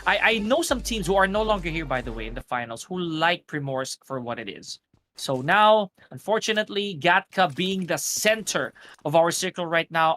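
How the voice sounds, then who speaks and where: A man's voice: fairly high pitch, sharp tone, slight background noise. A man giving live esports commentary with wordy, formal phrasing. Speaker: esports caster.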